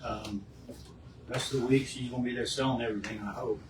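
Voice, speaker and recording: A man's voice: mid-range voice, steady tone, brisk. Plain-spoken man, roomy and distant. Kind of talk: casual chat. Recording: distant roomy noisy kitchen recording.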